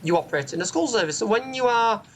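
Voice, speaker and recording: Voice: medium pitch, expressive, fast talker, a little hiss or hum, poor audio. A bus simulator channel host giving casual gameplay commentary from home, chatty and explanatory, with frequent "um" fillers. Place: home room with a window onto a street.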